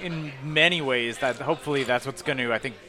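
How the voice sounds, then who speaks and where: A man's voice: mid-range voice, a little fast, bright, forceful tone. A man hosting a podcast, joking with his guest and often trailing off mid-thought. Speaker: podcast host. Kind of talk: casual podcast chat.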